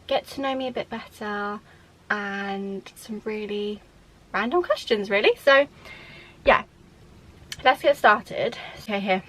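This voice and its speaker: A woman's voice: mid-range voice, takes it slowly, pauses often, a bit bright, rough recording. A young woman chatting at home in a rambling, bubbly Q&A vlog, laughing often and a little out of breath. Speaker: vlogger. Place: at home, indoors.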